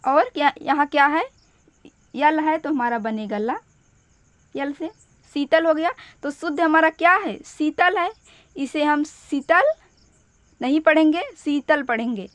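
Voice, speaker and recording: A woman teaching spelling step by step, patient and repeating each point slowly. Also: sits high, no echo.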